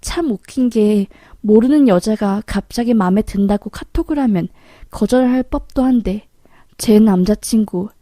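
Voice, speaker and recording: A woman calmly narrating a first-person story in a matter-of-fact way. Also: medium pitch, normal speed, no echo, studio quality.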